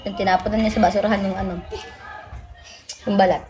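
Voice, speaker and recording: A woman's voice: medium pitch, flat delivery, fairly quick, darkish tone. A woman livestreaming casually as a mother, chatting with viewers and cooing at her toddler in a sing-song voice. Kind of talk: casual live-stream chat.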